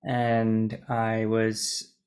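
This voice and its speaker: A man's voice: lowish voice, completely flat delivery, drawn-out words, a little mellow. A young man in his twenties from Singapore, a junior doctor talking casually to camera from a script, hesitant with many restarts, recorded on a laptop mic in his room. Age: 20s. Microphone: laptop mic on a video call.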